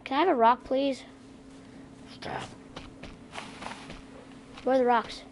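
A woman streaming a survival game, chatting casually to herself with excitable reactions and mild cursing. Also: high voice, slow pace, creaky, slight background noise. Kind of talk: casual gameplay commentary.

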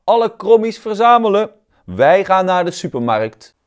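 A man voicing a gentle, comforting female tomato in a read-aloud children's storybook. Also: fairly low pitch, moderate pace, pitched above the performer's own voice, close to an everyday voice. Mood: rallying. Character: kind odd-shaped female tomato, motherly.

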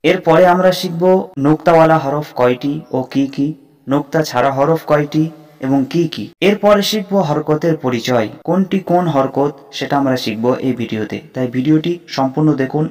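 Teaching learners how to pronounce Arabic letters, this Quran reading teacher works through a slow, deliberate lesson, repeating every letter name as he goes. His voice is a little high, expressive, a bit mellow, and fairly quick.

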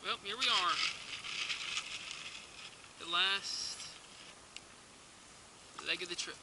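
A young male kayaking vlogger with a high-pitched voice talks casually on the water, drawing out his words and rambling with restarts and fillers. An action camera mounted on the kayak films him outdoors, and the audio is very noisy.

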